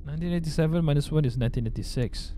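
A man's voice: fairly high pitch, very fast, dark tone, slight background noise. A young man with a Bruneian Malay accent, giving casual, scared live commentary on a horror game and repeating himself. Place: small indoor room with webcam.

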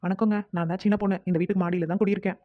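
A woman voicing a sharp-tongued upstairs neighbor in a cartoon comedy, who grumbles and mutters complaints to herself. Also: mid-range voice, fairly even intonation, very fast, no echo, narrow, tinny audio, lightly acted. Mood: grumbling.

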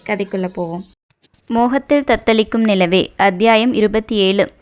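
A woman hosting her own channel and narrating an audio novel in a steady, literary storytelling manner. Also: medium pitch. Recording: dull lo-fi recording.

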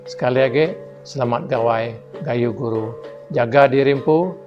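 A man giving a formal, measured speech as guest of honour, thanking the organisers. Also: mid-range voice. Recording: dull lo-fi recording with music behind. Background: music.

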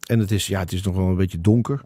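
A man hosting a podcast, in casual chat, telling a story in a halting, searching way. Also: deep voice, steady tone, dark tone, breathy edge, no echo, studio quality. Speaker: podcast host.

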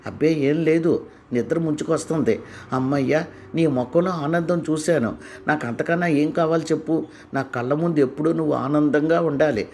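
A man as a gentle old husband. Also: a little high, normal speed, a little hiss or hum, close to an everyday voice. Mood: tender. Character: gentle elderly husband, quietly caring.

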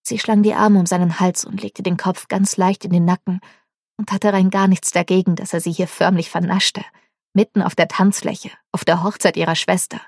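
A woman reading a romance novel aloud as an audiobook narrator, with a calm, even storytelling manner. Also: lowish voice, moderate pace, husky, dry recording, studio quality.

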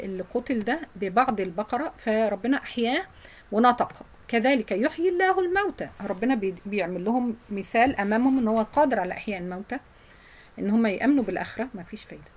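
A woman with an Egyptian Arabic accent teaching Quran memorization, explaining in casual colloquial speech and reciting verses slowly. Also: mid-range voice, darkish tone, rough recording.

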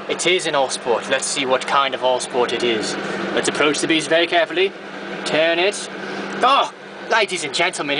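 A man's voice: on the high side, background noise. A man hosting a blog, narrating in a theatrical, mock-serious wildlife-documentary manner in a home kitchen. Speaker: blog host.

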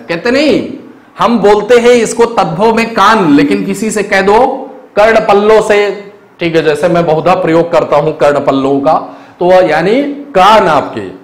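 Male teacher, high voice, step-by-step exam-prep lesson, quizzes the viewers with rhetorical questions. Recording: echoey room.

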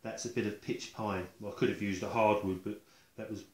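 A low, steady, slightly mellow voice belongs to an older man walking through his woodworking build in a casual demonstration. He's halting and matter-of-fact, thinking aloud while he works, and the concrete-block workshop and house room make it echo, with faint noise and handling clicks.

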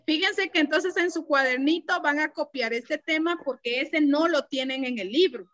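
Bright high-pitched woman teaching. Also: moderate pace, muffled recording. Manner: patient, asks the class questions. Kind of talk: online class lesson. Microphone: computer mic on a video call.

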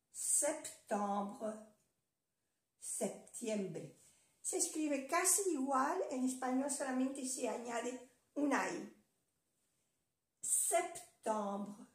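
A woman's voice: a little high, far from the mic. An older woman giving a language lesson, patiently repeating each word several times and spelling it out letter by letter. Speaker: language teacher. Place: home room with the air conditioning on. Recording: echoey room, voice from away from the mic. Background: dog panting.

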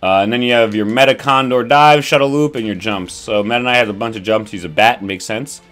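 A man's voice: fairly low pitch, fairly quick, fairly bright tone. A young man casually walking through a game character's moves as a tutorial host, enthusiastic and rambling with laid-back slang. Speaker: gaming channel host.

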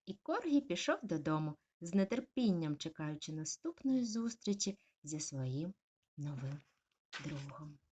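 Breathy woman reading a bedtime story. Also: sits low, a little slow. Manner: expressive, softly animated reading.

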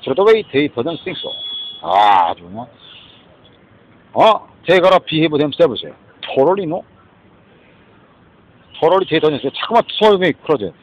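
A man rambles on in a loose, muttering monologue, drifting off and prodding with a questioning "eh?". His voice sits slightly high and leaps around animatedly. Faint street traffic hums in the background. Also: very animated, extremely slow, long pauses, muffled recording. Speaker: street vlogger.

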